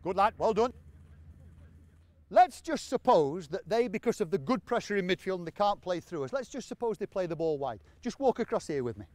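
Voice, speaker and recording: High-voiced football coach. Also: male voice, big pitch swings, fairly quick, darkish tone, dry recording. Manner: encouraging, repeats short commands. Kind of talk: on-field coaching instruction. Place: outdoor training pitch.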